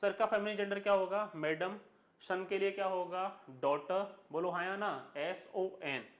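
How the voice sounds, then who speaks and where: A man's voice: high-pitched, normal speed, echoey room. A man teaching English grammar to schoolchildren in a classroom lecture. He switches between Hindi and English, spells words out letter by letter, and asks the class questions that he answers himself.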